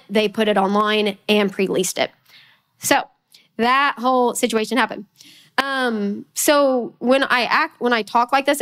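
Animated high-voiced Texan woman preaching. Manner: animated, self-mocking, quick asides and laughs. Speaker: speaker at church. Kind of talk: casual storytelling sermon. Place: church sanctuary.

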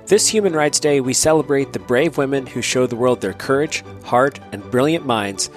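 A man's voice: medium pitch, moderate pace, faint music behind. A man hosting a podcast interview, reading a scripted intro and then chatting with his guests, often restarting his words when he talks off the cuff. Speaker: podcast host.

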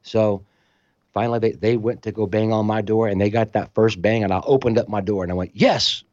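A man telling a story in casual conversation, animated and acting out other people's voices, in a slightly muffled recording. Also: lowish voice, quick pace, no room sound. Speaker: storytelling guest musician.

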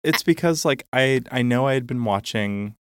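A man's voice: medium pitch, moderate pace, smooth, dry recording, clean studio sound. A man co-hosting a podcast, chatting in an easygoing, playful way. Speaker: podcast co-host. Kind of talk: casual chat. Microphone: studio podcast mic.

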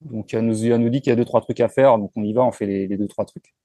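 A man in his forties, speaking as an interview guest in a relaxed, frank way, often pausing and restarting his sentences. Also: fairly low pitch, no echo. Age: 40s. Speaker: entrepreneur guest. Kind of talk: casual conversational interview.

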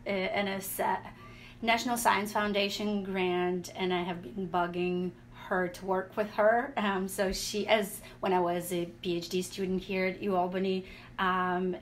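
Flat-toned woman researcher from Latvia. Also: medium pitch, a little hiss or hum. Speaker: co-author and researcher. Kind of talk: interview guest.

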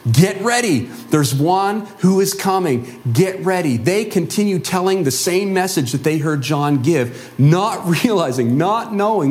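Animated man preaching a story sermon. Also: sits high. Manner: animated, acts out quoted voices. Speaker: pastor.

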